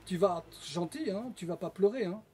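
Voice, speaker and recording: A man's voice: high voice, lively intonation, normal speed, a little mellow, a little hiss or hum. A man playing a greedy wicked puppet, Plichinelle. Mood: wheedling.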